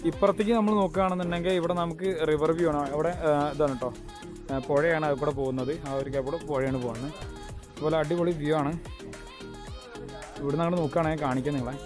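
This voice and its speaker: A man's voice: on the high side, fairly even intonation, quick pace, pauses often, music in the background. A man with a Kerala Malayalam accent vlogging casually and enthusiastically to viewers, mixing English words into his Malayalam. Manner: enthusiastic, repeats catchphrases of approval. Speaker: travel vlogger, host. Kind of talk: casual vlog commentary to viewers.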